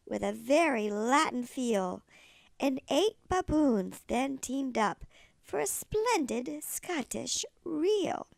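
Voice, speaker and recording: A woman's voice: sits high, vocal fry, no echo. A woman reading a children's storybook aloud in the manner of a sweet old lady. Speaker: storybook reader.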